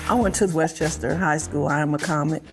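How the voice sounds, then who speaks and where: A woman from Los Angeles, telling stories about her dancing past in an animated documentary interview. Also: low-pitched, fairly quick. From Los Angeles, California. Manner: animated storytelling. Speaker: former dancer interviewee. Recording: music bed underneath.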